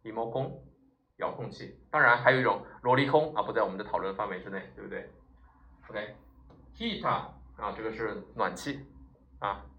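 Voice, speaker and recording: A man's voice: fairly low pitch, fairly quick, sharp tone, dull audio. A man teaching a Japanese vocabulary class, explaining patiently and often checking in with his listeners. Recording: roomy echo, mic at a distance.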